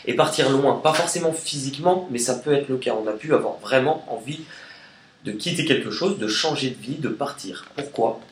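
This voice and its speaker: A man at an everyday pitch talks through a tarot spread in a relaxed, chatty way. His voice rings in an echoey room. A faint noise runs under it. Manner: chatty and relaxed, sings snatches of songs. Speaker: tarot card reader. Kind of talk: casual tarot reading video.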